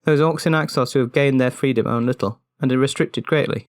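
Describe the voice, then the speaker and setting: A man's voice: mid-range voice, fairly even intonation, a little fast, no room sound, clean studio sound, natural voice. A man voicing a male orc preacher giving a formal, declamatory plea in an audio story. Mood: exhorting. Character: male orc preacher addressing his people.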